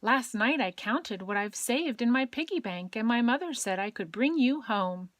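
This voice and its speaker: A woman's voice: on the high side, expressive, normal speed, a bit bright, no echo. A woman voicing a sweet, eager little girl in a storybook, as if reading to a toddler. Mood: happy eager.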